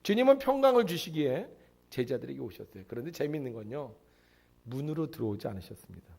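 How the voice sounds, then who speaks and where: A male pastor preaching a sermon in an animated storytelling way, often acting out the voices of people in the story. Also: medium pitch, quick pace, vocal fry, breathy edge.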